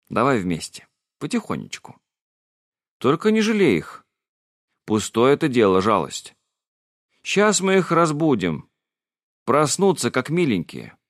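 A man reading an audiobook, voicing a bold, cheeky young village girl in a brisk manner. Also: medium pitch, huge pitch swings, no echo, clean studio sound. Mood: coaxing.

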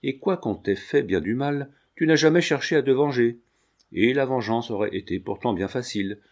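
Un homme prêtant sa voix à un jeune tailleur tendre et suppliant. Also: male voice, medium pitch, animated, moderate pace. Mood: pleading. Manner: earnest, tender. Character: young male tailor, gentle and pleading.

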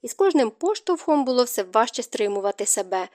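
Woman, audiobook narrator, expressive, emotive, fairly high voice. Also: fast talker.

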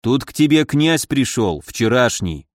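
A man's voice: medium pitch, big pitch swings, unhurried, no echo, studio quality. A man voicing a terse, plain-spoken young male retainer. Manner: terse, matter-of-fact.

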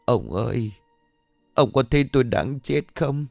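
A man's voice: medium pitch, expressive, unhurried, creaky, no room sound, faint music behind, pitched above the performer's own voice. A man voicing a grief-stricken older mother in a spoken ghost story, pleading and drawn out. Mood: anguished.

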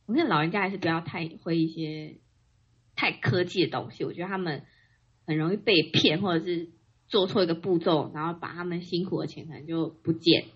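A woman co-hosting a casual chat, telling her stories animatedly and mimicking others in a high voice. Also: fairly quick, breathy edge. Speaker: podcast co-host. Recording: dull lo-fi sound.

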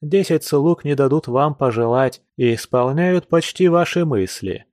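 A man's voice: medium pitch, lively intonation, a little slow, a little mellow, no room sound, natural voice. A man reading an earnest young nobleman, fervent, lecturing, dry audiobook sound. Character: passionate earnest young nobleman, eager to argue. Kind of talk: audiobook reading of a classic novel.

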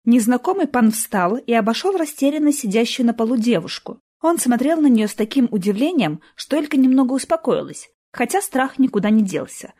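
A woman's voice: a little high, sing-song, brisk, hardly any pauses, warm tone. Woman narrating an audiobook.

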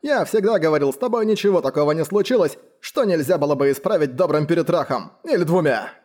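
A man voicing a burly, hungover count who bellows gruffly and commandingly in an audiobook. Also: on the high side, animated, quick pace, a little mellow, lightly acted. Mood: bellowing. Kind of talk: audiobook character voice.

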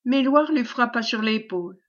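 A woman's voice: fairly high pitch, lively intonation, moderate pace. Woman reading a novel aloud. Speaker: audiobook reader. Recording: dull lo-fi recording.

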